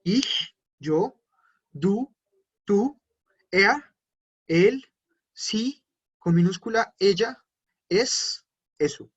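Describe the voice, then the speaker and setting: A man teaching an online language class, patiently repeating words slowly for his students. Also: sits high, animated, husky, highs cut off. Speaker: German teacher.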